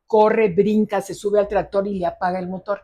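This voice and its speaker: A middle-aged Mexican woman speaks in an interview as a psychologist. Her voice is warm and mellow. She tells stories vividly, slipping into the voices of the people in them. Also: mid-range voice, moderate pace. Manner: lively storyteller acting out quoted dialogue. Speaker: psychologist specializing in ADHD. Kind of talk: conversational interview, storytelling.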